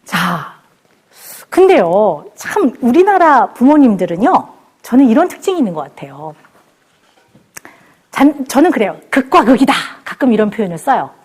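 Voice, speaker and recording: A woman in her forties giving a televised lecture to parents, animated and laughing as she acts out how parents talk. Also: fairly high pitch, moderate pace, pauses often, husky. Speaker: child psychiatrist lecturer.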